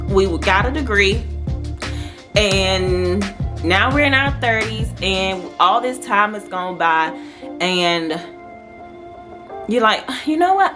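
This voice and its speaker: A woman, talking casually to camera in a sit-down vlog, with plenty of fillers and restarts. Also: medium pitch. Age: 30s. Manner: talkative, conversational, with frequent fillers and restarts. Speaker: vlogger. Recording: music playing in the background.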